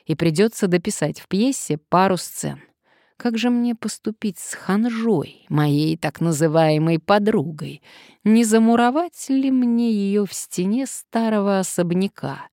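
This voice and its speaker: A woman reading an audiobook, voicing a vengeful scheming male playwright who plots revenge in slow, muttered menace. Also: mid-range voice, warm tone, no room sound, clean studio sound, pitched above the performer's own voice, close to an everyday voice. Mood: brooding menace.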